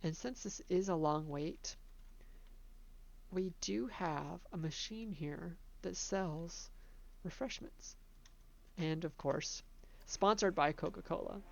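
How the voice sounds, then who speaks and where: A woman casually narrating a tour of her own theme park, chatty and relaxed, laughing between remarks. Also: on the low side, vocal fry, highs cut off.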